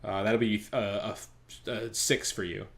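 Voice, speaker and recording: A man's voice: on the low side, normal speed, vocal fry, very noisy. A man running a tabletop role-playing game, talking casually with lots of ums and uhs. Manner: relaxed, hesitant, lots of fillers. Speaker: game master.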